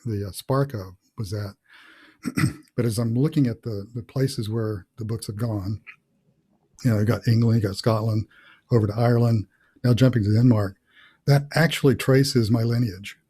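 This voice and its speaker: A man's voice: medium pitch, steady tone, moderate pace, dark tone, husky. A middle-aged man, an author hosting a casual interview over a video call, thinking aloud with many fillers. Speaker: author and host.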